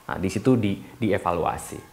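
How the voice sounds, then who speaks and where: A man's voice: sits low, moderate pace, vocal fry, darkish tone. A man who is a yoga teacher, explaining a teacher training course in a chatty, casual way with many fillers and restarts. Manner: chatty, frequent fillers and restarts, self-deprecating asides. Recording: echoey room.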